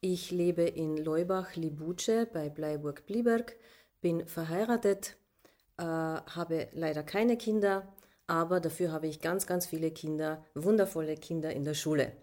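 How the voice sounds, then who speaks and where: This Slovene-speaking woman from Carinthia, Austria, has a mellow, slightly low voice. A teacher appearing as a guest, she gives a personal account in an interview, speaking thoughtfully with many fillers, pauses, and restarts.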